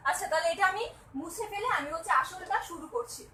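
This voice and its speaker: A woman's voice: extremely high pitch, fast talker, sharp tone, echoey room, distant mic, slight background noise, low-quality recording. A young woman teaching a chemistry class live online, repeating each step and often asking whether the students follow.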